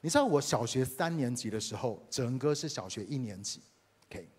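A man's voice: medium pitch, brisk, breathy edge. A man from Taiwan with a Taiwanese Mandarin accent, a pastor telling a personal story in a sermon and speaking directly to the congregation. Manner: animated, addresses the congregation directly.

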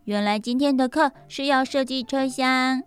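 A woman voicing excited, playful little hippo schoolchildren in a storybook reading. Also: high voice, moderate pace, clear, resonant tone, faint music behind, lightly acted.

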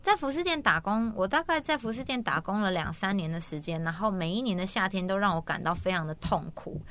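A young woman, hosting and telling a story in a lively, animated way, acting out the voices of people she quotes. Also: on the low side, fast. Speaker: host. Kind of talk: casual storytelling chat.

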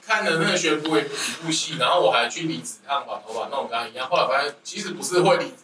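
A man's voice: a little high, lively intonation, fast talker, distant mic. A man with a Taiwanese Mandarin accent telling casual anecdotes among friends. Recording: roomy echo, off-mic, noisy.

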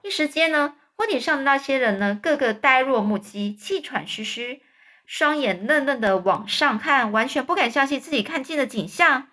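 A woman's voice: high voice, animated, normal speed, pushed and bright. A woman reading a children's book aloud and stopping to explain hard words. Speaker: storyteller for children.

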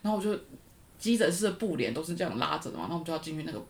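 A woman's voice: low voice, rapid-fire, slight background noise. A woman, co-hosting a podcast and telling stories animatedly in casual chat. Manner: animated storytelling with frequent laughter. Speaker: podcast co-host.

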